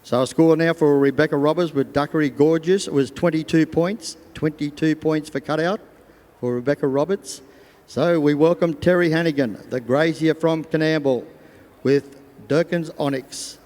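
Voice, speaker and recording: A man with an Australian accent announces live sport in a folksy, chatty manner. His voice sits a little high and rings with long reverb from the stadium loudspeakers. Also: normal speed. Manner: folksy, voices imagined thoughts of riders and animals. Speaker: arena announcer. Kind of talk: live sport commentary over public address. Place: large show arena over loudspeakers.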